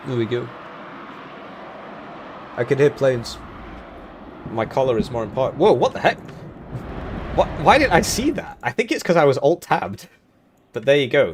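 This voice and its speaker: Over a little background noise, a young man with a mid-range voice commentates a match as host of a live game tournament stream. He talks loosely and jokingly, chuckling as he rambles from one remark to the next.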